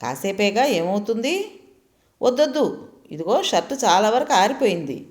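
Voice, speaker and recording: A woman's voice: medium pitch, sing-song, moderate pace, darkish tone, natural voice. Shy polite young man, read by a woman. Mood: modest. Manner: shy, brief replies.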